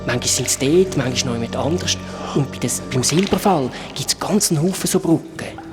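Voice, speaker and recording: Kind and explanatory, a Swiss German-accented man plays a gentle otherworldly shapeshifter in a radio play for children. He sounds a little high and slightly mellow at a moderate pace, close to his everyday voice, over soft background music.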